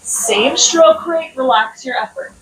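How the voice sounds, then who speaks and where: High-voiced American woman coaching on rowing machine. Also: takes it slowly. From United States. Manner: instructing while exercising on a rowing machine; encouraging, with short punchy commands. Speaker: rowing workout instructor. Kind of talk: coaching a workout with counted cues. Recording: echoey room, distant mic, noisy background.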